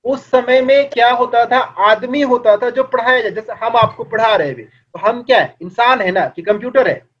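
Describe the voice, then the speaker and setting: A man teaching an English lesson online, explaining in Hindi and reading English lines slowly while asking his students questions. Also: very high voice, a bit bright. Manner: asks students questions as if in class. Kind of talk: online class lecture. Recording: dull lo-fi recording.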